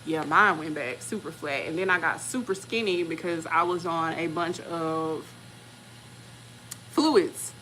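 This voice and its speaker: Bright-voiced woman telling a story casually. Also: a little slow, a little hiss or hum, rough recording. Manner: animated, acts out quoted voices with big pitch jumps. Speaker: channel host.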